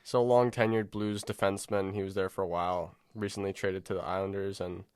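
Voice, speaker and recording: A man's voice: low voice, flat delivery, brisk, a little mellow, smooth, no room sound, studio quality. A man co-hosting a casual sports podcast, rambling and hedging with lots of fillers. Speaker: podcast co-host.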